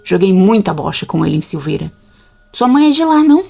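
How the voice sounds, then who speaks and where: A woman's voice: mid-range voice, very animated, brisk, gravelly, darkish tone. A woman reading the lines of a cheerful, chatty older male country innkeeper with a strong Gaúcho accent. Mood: friendly. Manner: friendly, chatty.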